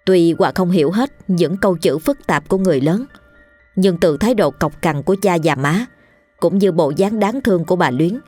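Woman, ghost story narrator, measured reading, lowish voice, faint music. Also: lively intonation, a little mellow.

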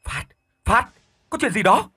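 A stern older brother shouts urgent questions down the phone, as a male narrator plays him. His husky voice swings widely in pitch and carries worry under the gruffness. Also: very animated, rapid-fire, no room sound, exaggerated voice. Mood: alarmed. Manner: loud, pressing questions on the phone.

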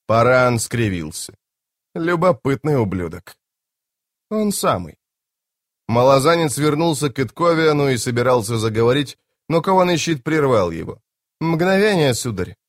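A man narrating a fantasy audiobook in a dramatic, expressive way. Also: medium pitch, normal speed, dry recording, studio quality. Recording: home-made audiobook.

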